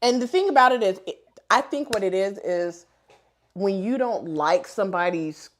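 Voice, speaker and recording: A woman hosting a livestream in casual chat, an animated storyteller who laughs a lot. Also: mid-range voice, normal speed, slight background noise. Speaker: livestream host.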